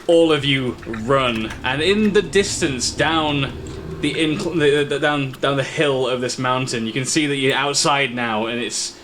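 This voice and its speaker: A man acting as game master, telling an improvised tabletop adventure in short, halting, descriptive phrases. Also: medium pitch, fairly bright tone. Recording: faint background noise.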